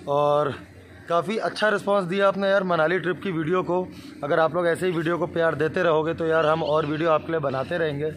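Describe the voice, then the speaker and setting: Brief: young male vlogger, hoarse throat, chatty and friendly, slightly high voice, faint outdoor noise. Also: fairly even intonation, brisk, poor audio. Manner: chatty, friendly, repeats filler words. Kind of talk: casual vlog chat. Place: outdoors at a hospital grounds.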